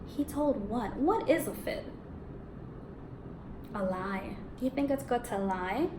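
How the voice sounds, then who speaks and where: A woman with a fairly high, animated voice speaks at a slow pace. She's a teacher reading a storybook aloud to young pupils with lots of expression, asking them questions and affirming their answers. The recording has a roomy echo and faint background noise.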